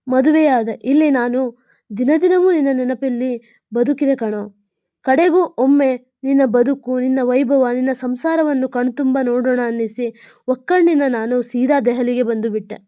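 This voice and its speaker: A woman's voice: high-pitched, no room sound, dull audio, close to an everyday voice. A woman voicing a dying old mother who pleads tenderly with her son in a letter.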